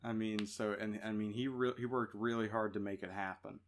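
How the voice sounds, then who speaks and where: A man's voice: on the low side, little pitch movement, a little fast, slight background noise. A man co-hosting a podcast in casual chat, joking, laughing often and rambling with fillers. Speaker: podcast co-host.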